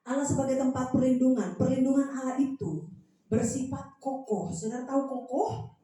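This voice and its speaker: Woman preacher in a booming echoey hall. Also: moderate pace. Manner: lively, animated storytelling with swings in loudness. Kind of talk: sermon. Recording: very echoey hall, mic from a distance.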